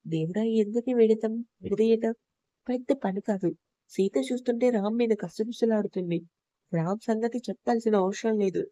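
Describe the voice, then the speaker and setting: A woman storyteller reading a romance story in a steady, even narration. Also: medium pitch, normal speed, no room sound.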